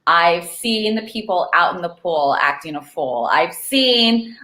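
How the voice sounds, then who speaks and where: Speaking a little slowly in an expressive, pushed, bright voice on the low side, a young Argentine-born woman raised in California chats casually as a guest. "Like" peppers her speech, she laughs readily, and the recording has an echoey room sound.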